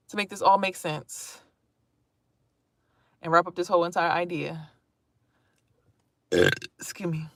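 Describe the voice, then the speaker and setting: A blunt, chatty woman in her thirties streams casually to her viewers, animated and swearing freely with plenty of asides to them. Her voice is lowish, and the sound is clean studio audio with no room echo.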